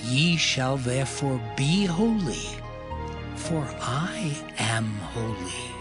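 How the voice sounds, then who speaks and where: A man playing God as a solemn lawgiver in a dramatized scripture reading, declaiming in a measured way. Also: mid-range voice, big pitch swings. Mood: solemn, commanding. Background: music.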